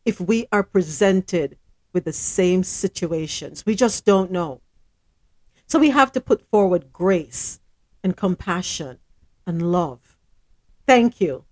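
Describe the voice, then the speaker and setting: A woman's voice: medium pitch, takes it slowly, pauses often, no echo. A woman hosts a live news talk show, her voice rising and falling a lot as she speaks. She talks expressively, moving from encouragement into reading headlines. The sound is dry, with no room around it. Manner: expressive, preachy, out of breath at first. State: out of breath. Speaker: radio show host.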